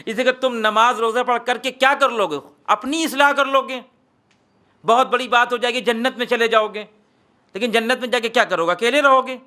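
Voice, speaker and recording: A man with an Indian Urdu accent delivering a religious lecture in a hall, rhetorical, climbing to emphatic peaks and then dropping low. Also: bright, forceful tone. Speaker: Shia cleric giving a majlis lecture.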